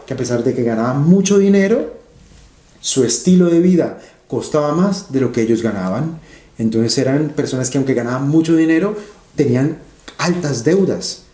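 Guy telling stories in an interview, keeps repeating himself to hit the point, mellow voice, roomy echo. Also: medium pitch, moderate pace. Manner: animated storyteller, repeats phrases for emphasis. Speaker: finance interview guest. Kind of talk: conversational interview storytelling.

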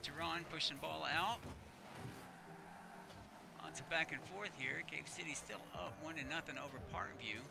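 A man giving play-by-play commentary on a school esports match, steady and easygoing, lifting on near misses. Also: on the high side, normal speed, vocal fry, pauses often, over music.

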